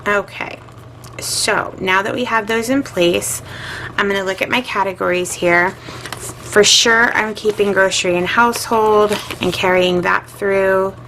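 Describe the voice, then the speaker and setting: A middle-aged woman talks casually to her viewers as she works through her budget at a home desk. Her voice sits at an ordinary middle pitch, and she muses aloud with lots of um's. A faint hiss of room noise sits behind her. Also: steady tone, unhurried, pushed and bright, rough recording. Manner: chatty, musing aloud with filler words. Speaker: budgeting vlogger. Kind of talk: casual chat while budgeting.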